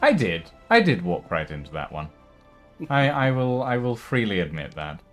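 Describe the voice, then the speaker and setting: A man's voice: lowish voice, sing-song, normal speed, fairly bright tone, faint music behind. A man chatting casually while gaming, complaining in a theatrical, mock-indignant way. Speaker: gamer on a co-op stream. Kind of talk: casual game chat.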